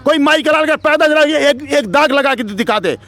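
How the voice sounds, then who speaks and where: A man's voice: very high-pitched, animated, normal speed, a bit bright, slight background noise. A man in a heated political debate, speaking defiantly and repeating phrases for emphasis. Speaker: debate participant.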